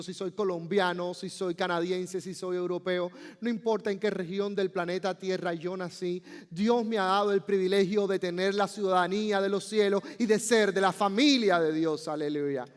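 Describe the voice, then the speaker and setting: High-voiced preaching man in a reverberant church. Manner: preaching with rising emphatic outbursts. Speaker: pastor. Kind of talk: sermon. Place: church sanctuary.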